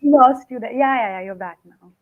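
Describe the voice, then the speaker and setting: A woman's voice: high voice, normal speed, darkish tone. Woman on a tinny, glitchy call. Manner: earnest, emphatic, repeats "absolutely". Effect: tinny, phone-like sound over a bad video call connection. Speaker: guest, foundation founder. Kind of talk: video call interview. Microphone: video call. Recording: tinny, lo-fi video call line.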